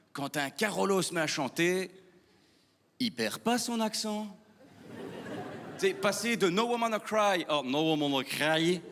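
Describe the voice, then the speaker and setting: Belgian comic, high voice, live hall. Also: male voice, a little hiss or hum. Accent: Belgian French. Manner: deadpan, provocative, chatty with the audience. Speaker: stand-up comedian. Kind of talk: stand-up comedy set. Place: theatre stage before a live audience. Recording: live theatre hall with crowd.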